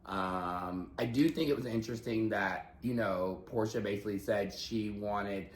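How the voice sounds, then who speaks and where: A man co-hosting a reality TV recap podcast, recapping scenes in an even, agreeable way. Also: fairly low pitch, moderate pace, reverberant, a little hiss or hum. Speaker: podcast co-host. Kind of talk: casual gossip chat.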